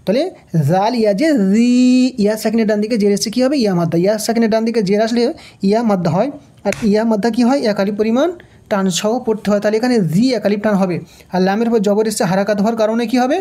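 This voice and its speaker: A woman teaching Quran recitation step by step, speaking Bengali with a Bangladeshi accent, repeating syllables slowly and asking then answering her own questions. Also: mid-range voice, fairly even intonation, dark tone.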